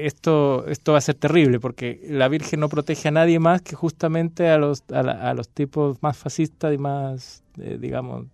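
In a dry recording, a Chilean man's slightly high, gravelly, darkish voice delivers an impassioned reading with a repeating cadence on a university radio show. The guest then chats casually about a novel.

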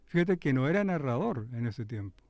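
A man's voice: mid-range voice, normal speed, dry recording. An older man with a Chilean accent, a poet guest telling anecdotes in an easygoing, self-deprecating way. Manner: relaxed, self-deprecating storyteller. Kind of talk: anecdotal interview storytelling.

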